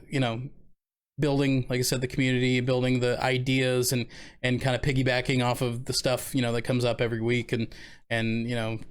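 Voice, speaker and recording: A man's voice: mid-range voice, clean tone. Rambling, laid-back man in his thirties. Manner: rambling, laid-back, many fillers and restarts. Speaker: streamer host. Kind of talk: casual live-stream chat.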